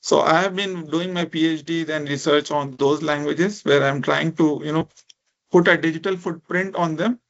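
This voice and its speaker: The man's voice is fairly high, steady, and fairly bright, at normal speed, with highs cut off in the recording. He's a speech technology researcher from India lecturing online in Indian-accented English, his second language behind a minority Indian language, keeping it informal and encouraging and often saying "right?" and "you know."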